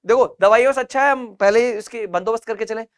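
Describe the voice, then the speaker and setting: A male English teacher giving an online grammar lesson. He repeats example sentences slowly and coaxes his students with questions while mixing Hindi and English. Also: extremely high pitch, smooth. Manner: switches between Hindi and English, coaxing questions.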